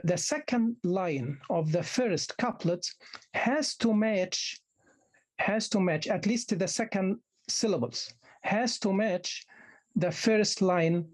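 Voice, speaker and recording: A man, a native Arabic speaker, lecturing postgraduate students in a halting way, often restarting and repeating words as he explains. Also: sits high, expressive. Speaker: university lecturer. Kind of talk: academic lecture.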